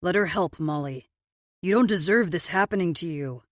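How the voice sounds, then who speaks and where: Woman voicing a gentle, lower young man. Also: normal speed, no echo, studio quality, natural voice. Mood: reassuring. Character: caring, loyal young man friend. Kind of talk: audiobook character voice.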